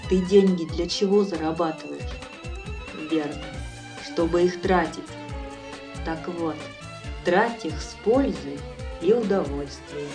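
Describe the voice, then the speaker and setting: A cool, no-nonsense old fortune-teller woman, as a woman reading a story puts her on. She speaks in a low, firm voice and lectures plainly. The voice sits a little away from the mic over faint background music. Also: takes it slowly, long pauses, distant mic. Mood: lecturing. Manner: cool, matter-of-fact, firmly lecturing. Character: blunt, calm old female fortune-teller.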